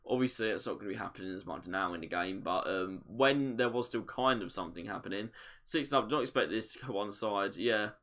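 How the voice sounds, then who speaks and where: This fairly low-pitched man keeps a brisk pace as he runs a football watch-along with live commentary and chat. Goals on screen get him excited enough to yell.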